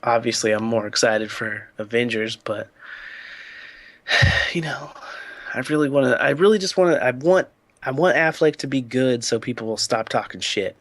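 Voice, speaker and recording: Guy cohosting a podcast, chill rambly chat, dry close sound, normal pitch. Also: moderate pace, no echo. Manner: relaxed, rambling, lots of "like" and "you know". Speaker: podcast co-host.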